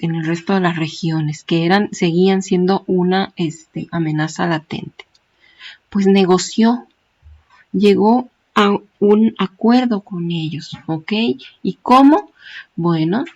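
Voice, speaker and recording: A woman with a Mexican accent lectures on history in a loose, conversational way, leaning on fillers and checking in with tag questions. Her voice sits at a middle pitch, and the recording sounds somewhat dull and lo-fi. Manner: chatty, colloquial, many fillers and tag questions. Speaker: history teacher.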